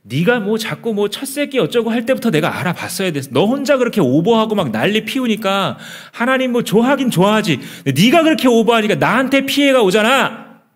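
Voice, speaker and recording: A man's voice: mid-range voice, sing-song, measured pace, long pauses, dark tone, breathy edge, heavily acted. A man voicing a resentful, jealous young man who rants mockingly at his brother. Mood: ranting. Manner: mocking, ranting, raised voice.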